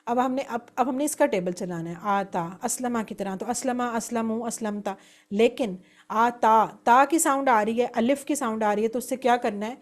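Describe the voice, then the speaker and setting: A woman teaching an Arabic grammar lesson, explaining step by step and reciting verb forms aloud. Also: on the high side.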